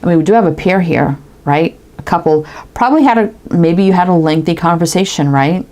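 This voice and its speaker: A woman's voice: lowish voice, fairly quick, dark tone. A woman giving a casual tarot reading, musing aloud and tagging her thoughts with "right?". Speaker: tarot reader.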